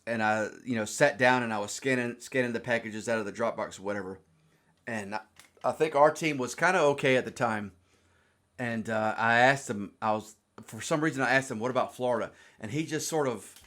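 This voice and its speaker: A man's voice: mid-range voice, a bit bright. A man from South Carolina with a Southern US accent, chatting loosely about sports on a podcast and often repeating words as he starts a thought. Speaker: podcast co-host. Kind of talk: casual chat.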